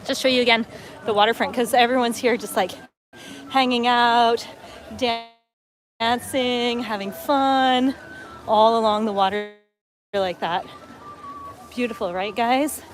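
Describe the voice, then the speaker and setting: A woman's voice: fairly high pitch, steady tone, measured pace, pauses often, faint music behind. Chatty woman vlogging outdoors. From upstate New York, USA. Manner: chatty, reads viewer comments aloud while walking. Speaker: travel vlogger hosting a livestream. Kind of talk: casual livestream chat. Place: outdoors on a lakeside waterfront.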